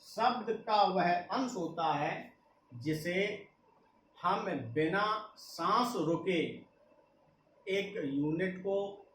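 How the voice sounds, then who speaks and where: A man with an Indian English accent, teaching an English grammar lesson slowly, repeating each point. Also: high-pitched, fairly bright tone. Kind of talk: slow classroom explanation, mixing Hindi and English. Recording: echoey room with faint noise.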